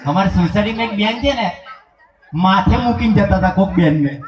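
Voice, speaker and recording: A man's voice: sits high, animated, brisk, noisy background. A man with a Gujarati accent telling jokes on a live stage and acting out characters in put-on voices. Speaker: stage comedian and event announcer. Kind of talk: live stand-up joke telling. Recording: roomy live stage sound with crowd, dull.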